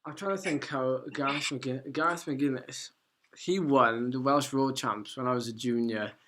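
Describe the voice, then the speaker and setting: Man, mid-pitched, wry and understated, on a video call. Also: moderate pace, a bit bright. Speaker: guest. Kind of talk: casual chat.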